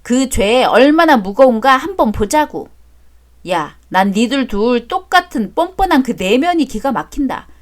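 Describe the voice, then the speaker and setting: A woman performing a scolding, sharp-tongued part in a radio drama. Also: on the high side, big pitch swings, moderate pace. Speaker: narrator and voice actor.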